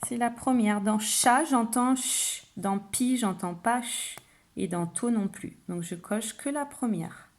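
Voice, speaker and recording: Patient teacher stretching out words. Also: female voice, fairly high pitch, a little mellow. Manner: patient, explains slowly, stretches out example words. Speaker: kindergarten teacher. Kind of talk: home-schooling phonics lesson for parents.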